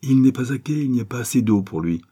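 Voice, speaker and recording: A man voicing an eager, chatty harbor local with a pipe, speaking high and lively over his own husky voice. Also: quick pace. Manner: eager, pitched up.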